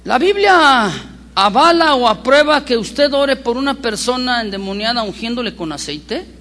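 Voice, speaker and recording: Guy preaching a sermon, super high bright voice, keeps asking the church rhetorical questions. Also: moderate pace. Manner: animated storyteller with rhetorical questions. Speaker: pastor.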